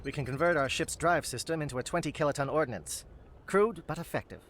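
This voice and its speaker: An actor voicing a calm, grave alien captain in video game dialogue, precise and matter-of-fact. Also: male voice, on the high side, a little fast, a little hiss or hum, lightly acted. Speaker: Salarian captain planning an assault.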